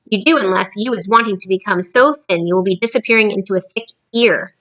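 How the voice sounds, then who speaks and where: A woman voicing a big, gentle male giant who jumbles his words, read from a storybook. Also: mid-range voice, fairly quick, highs cut off, close to an everyday voice. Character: big friendly male giant, muddled speech.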